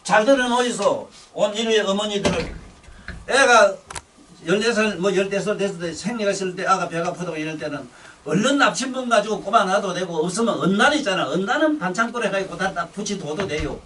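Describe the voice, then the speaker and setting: An older man with a thick Busan accent delivers a rambling sermon, blunt and scolding, with coarse language. His voice sits high and leaps around with lively swings in pitch. He is recorded from some distance from the mic. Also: a little fast, a little hiss or hum. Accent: Gyeongsang (Busan). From Busan, South Korea. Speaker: Buddhist dharma teacher.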